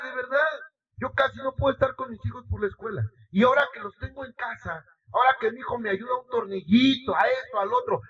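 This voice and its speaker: A middle-aged Mexican man preaches in a church, swinging between loud bursts and soft, close asides. His voice sits high and a little husky. It is heard from a distance on a muffled recording. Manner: emotional, conversational preaching with sudden rises and drops in loudness. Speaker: lay preacher. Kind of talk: sermon.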